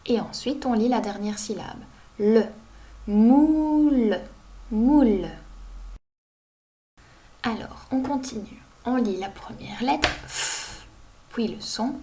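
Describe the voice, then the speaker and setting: Lady teacher, kinda high voice, slow careful sounding out for little kids. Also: darkish tone. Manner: slow, clearly sounding out each word. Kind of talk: reading lesson for young children.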